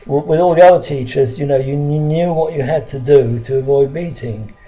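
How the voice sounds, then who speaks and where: Dark gravelly older Englishman recalling. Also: fairly high pitch, slight background noise, low-quality recording. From London, England. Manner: halting, earnest storytelling with many restarts. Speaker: storyteller recalling his school days. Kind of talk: casual spoken recollection to camera. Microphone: camera close in front of him.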